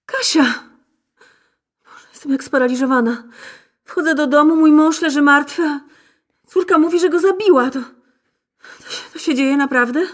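A woman's voice: sits high, normal speed, long pauses, natural voice. An actress playing a shocked middle-aged mother in a radio drama, pleading and tearful. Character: shocked mother and wife, desperate and protective.

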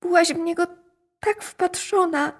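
An actress playing a frightened, bitter young daughter in a radio drama, her confession halting and shaky. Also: very high voice.

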